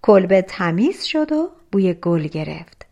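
Gentle woman reading a fairy tale. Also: lowish voice, sing-song, creaky, highs cut off. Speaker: audiobook narrator. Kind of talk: scripted storybook narration.

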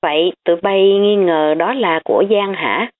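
Woman reading a defensive rich girl, sharp tongue; low voice, phone-like line. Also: normal speed, close to an everyday voice. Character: rich girl hiding her wealth, defensive. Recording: tinny phone-like audio.

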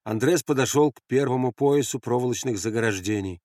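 An audiobook narrator reads a war novel aloud in scripted narration, keeping a steady storytelling manner. His medium-pitched voice moves a little fast, recorded with clean studio sound and no room sound.

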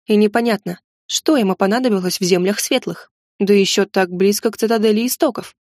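A woman narrating a first-person fantasy audiobook in an expressive, sharp-tongued way. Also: medium pitch, fairly quick, no room sound, studio quality.

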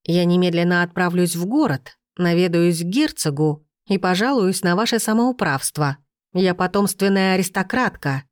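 A woman's voice: fairly low pitch, no echo, studio quality, natural voice. A woman as a steely defiant young noblewoman. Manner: firm, cold, steely.

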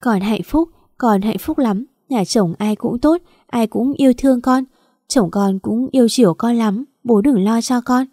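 A woman's voice: fairly high pitch, measured pace, dark tone, dry recording, clean studio sound. A woman voicing an unhappy young wife, tearful and pleading. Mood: forced cheer.

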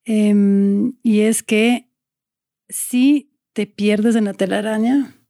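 Mellow-voiced actress in her forties. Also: mid-range voice, fairly even intonation, drawn-out words, vocal fry. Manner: earnest and reflective, talks in long searching sentences. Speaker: podcast guest, actress. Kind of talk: candid conversational interview.

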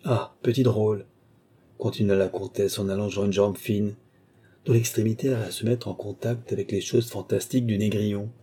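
A man narrating a classic novel aloud with steady, measured storytelling. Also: fairly low pitch, breathy edge. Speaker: audiobook narrator.

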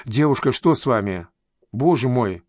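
A kindly middle-aged doctor reassuring a stranger in a soothing, unhurried voice, as a male reader voices him. His voice sits in a middle pitch and sounds dry and close in an audiobook reading. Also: expressive, darkish tone, no room sound, natural voice.

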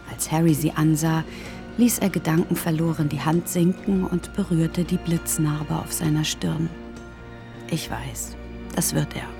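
A woman reads a novel in a calm, measured storytelling voice. Her tone sits low with a gravelly edge, and music plays clearly underneath. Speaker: narrator reading a novel. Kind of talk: literary reading.

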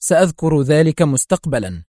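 A man's voice: a little high, very animated, normal speed, mellow, no room sound, studio quality. A man voicing an eager young agent. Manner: eager, seeking approval.

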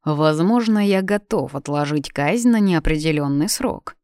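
A woman's voice: low voice, expressive, unhurried, darkish tone, no echo, studio quality. A woman voicing a harsh, hot-tempered young king who speaks coldly and mockingly. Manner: cold, commanding, mocking.

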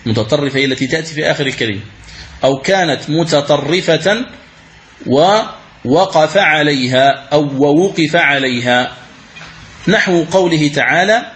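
A man with a somewhat high voice gives a religious lesson on Quran recitation. He questions his listeners and then answers himself, and he slows down to chant the example verses. A faint hum of room ambience sits under him. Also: a bit bright.

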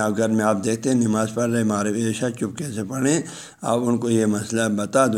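A man's voice: medium pitch, a little mellow. A male religious lecturer who reads short phrases from a text and explains each one in a plain, conversational way, speaking directly to his listeners. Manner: speaks directly to listeners, telling them to pass the ruling on at home. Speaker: religious lecturer teaching a law book.

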